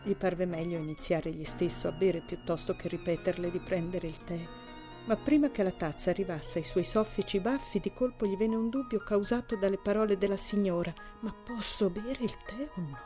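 A woman reading a literary story aloud as an audiobook narrator, in a calm and even storytelling manner. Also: lowish voice, brisk, over music.

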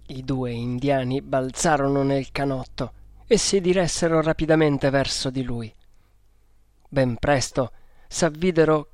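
A man narrating an adventure storybook in a slow, deliberate reading. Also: mid-range voice, no room sound, clean studio sound. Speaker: audiobook narrator.

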